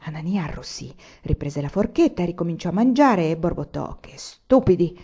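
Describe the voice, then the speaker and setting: A woman narrating a literary audiobook in a measured, expressive reading. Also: lowish voice, breathy edge, dull audio. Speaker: audiobook reader.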